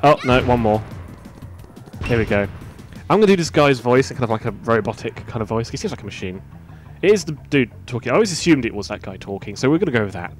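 A man giving casual, chatty gameplay commentary, getting excited and swearing now and then. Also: medium pitch, fast, soft background music. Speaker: let's play commentator.

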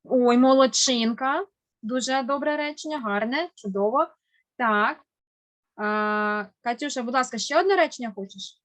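A woman teaching an online language lesson to children over a video call. She is patient and encouraging, stresses words slowly and carefully, and praises each answer. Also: a little high, fairly bright tone.

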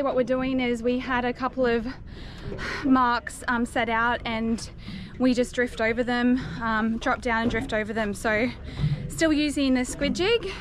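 A young woman chatting excitedly while fishing from a small boat at sea, recorded on an action camera. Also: high voice. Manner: excited whoops and exclamations, chatty. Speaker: fishing vlogger. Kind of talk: casual fishing vlog commentary. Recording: loud wind and boat noise.

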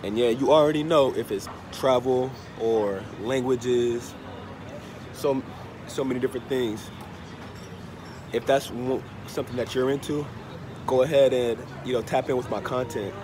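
Male vlogger, thirties, medium pitch, stuffy nose from a cold, halting casual chat, phone recording in a noisy open cafe. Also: fairly even intonation. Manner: unhurried, halting, often repeating phrases. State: under the weather with a cold. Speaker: travel and language vlogger. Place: open-fronted hostel bar or cafe. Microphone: phone held at arm's length. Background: street and vehicle ambience.

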